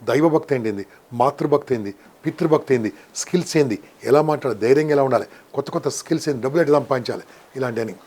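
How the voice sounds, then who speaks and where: Rich: An older man talks quickly, piling up lists and acting out short quotes. His pitch sits in the middle, and he tells his story as an interview guest. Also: darkish tone. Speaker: interview guest, motivational speaker. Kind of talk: casual interview talk.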